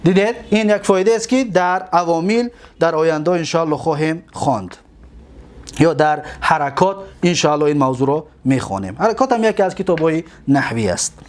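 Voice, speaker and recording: A man with a Tajik accent teaching grammar in a lecture, asking questions and answering them himself and drawing out his examples slowly. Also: on the high side, animated. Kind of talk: classroom lecture.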